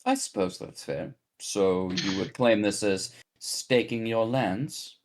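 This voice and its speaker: A man voicing a calm, inquisitive female fortune teller with measured, formal phrasing. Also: fairly low pitch, a little hiss or hum, pitched below the performer's own voice.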